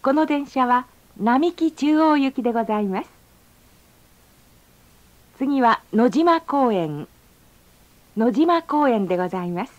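A woman reading a polite, formal onboard train announcement, slowing down to stretch out each station name. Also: fairly high pitch, lively intonation, darkish tone. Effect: recorded onboard train announcement. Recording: slightly dull lo-fi sound.

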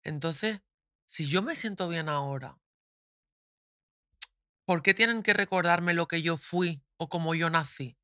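A woman talks openly in a podcast studio, her voice bright and forceful. She is frank and confessional, pausing to reflect. The sound is dry and close on a studio mic. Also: fairly low pitch, no echo. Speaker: guest, actress. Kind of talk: candid personal conversation.

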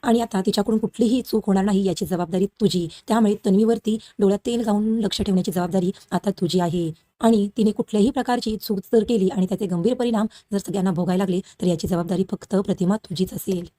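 An angry, scolding patriarch, read by a woman narrator in a quick, mellow recap voice. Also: mid-range voice, steady tone, no room sound, studio quality, lightly acted. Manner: scolding, insistent. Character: angry stern middle-aged father, head of house.

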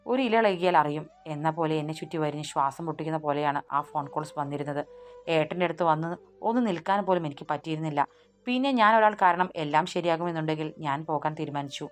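A woman voicing a grieving young wife who speaks in a halting, pleading way, read in an audiobook story. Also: low-pitched, faint music behind, close to an everyday voice. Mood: tearful pleading.

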